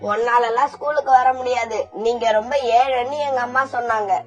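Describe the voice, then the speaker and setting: A woman's voice: a little high, fairly even intonation, a little fast, soft background music, close to an everyday voice, poor audio. A woman voicing a boastful, snobbish rich sparrow child in a cartoon. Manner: bragging, snobbish. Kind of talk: cartoon voice acting.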